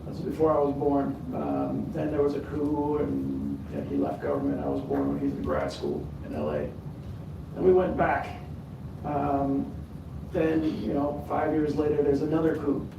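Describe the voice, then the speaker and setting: A man's voice: medium pitch, unhurried, vocal fry, muffled recording. A man in his fifties on a conference panel, telling his personal story with self-deprecating asides and many fillers and restarts. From born in the US, raised in California, family from Sudan. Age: 50s. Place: conference hall. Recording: echoey hall, mic far off, background noise.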